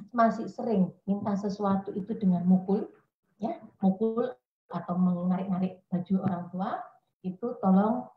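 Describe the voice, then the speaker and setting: Woman, mid pitch, chatty parenting speaker who acts out quotes; echoey, muffled webinar audio. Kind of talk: informal parenting talk to mothers. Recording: echoey room, dull lo-fi audio.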